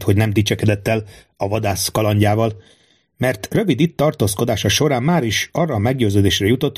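A man reading a historical novel aloud in steady, measured audiobook narration. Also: fairly low pitch, husky.

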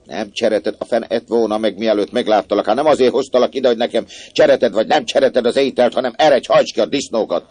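A man's voice: medium pitch, few pauses, darkish tone, slightly rough, no room sound, pitched above the performer's own voice, lightly acted. A man voicing a harsh, scornful farm cook woman who nags and scolds. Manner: nagging, harsh.

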